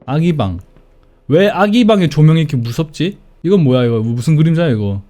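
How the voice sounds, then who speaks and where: Male game streamer, scared and jumpy, swearing casually, highish animated voice over faint music. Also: a little fast. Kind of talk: horror game let's-play commentary, casual chat.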